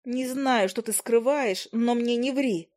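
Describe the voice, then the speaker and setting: A woman's voice: on the high side, slow pace, a little mellow. A woman voicing a dramatic, fussy female fairy friend who scolds and exclaims theatrically. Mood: scolding.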